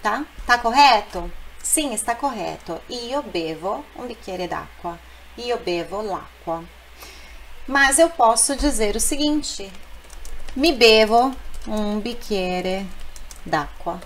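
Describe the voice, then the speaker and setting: A woman teaching a language lesson, explaining phrases patiently and repeating them slowly. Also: a little high, animated, low-quality recording. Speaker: Italian teacher.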